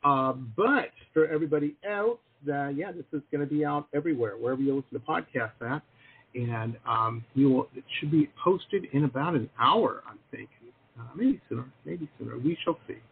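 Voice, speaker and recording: This podcast host talks briskly in a gravelly, high-ish voice with a breathy edge. He keeps the interview casual, teasing his guest with jokes, and the recording sounds tinny, like a phone call.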